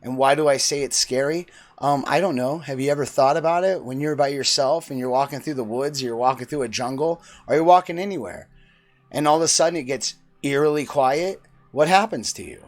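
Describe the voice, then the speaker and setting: A man's voice: medium pitch, fairly quick. A man in his forties giving a blunt, profane, preachy monologue. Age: 40s. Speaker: vlogger. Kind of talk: opinionated monologue.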